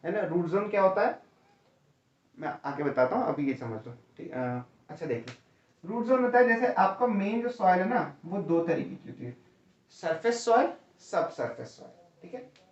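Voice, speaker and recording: A man's voice: sits high, very animated, normal speed. A man lecturing students for an exam, explaining one step at a time and casually checking in with them. His voice sounds far from the mic in an echoey room. The recording is a little dull and lo-fi. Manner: explains step by step, keeps asking "है ना?" and "ठीक है?"; calls students "भैया". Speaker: teacher. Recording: roomy, distant, dull lo-fi sound.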